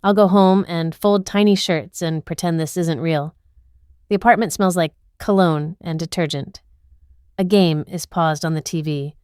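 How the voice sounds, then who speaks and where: A woman narrates a dramatic first-person story in a tense, intimate, measured way. Her voice sits somewhat low. It sounds dry and close, with no room echo. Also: a little mellow, smooth.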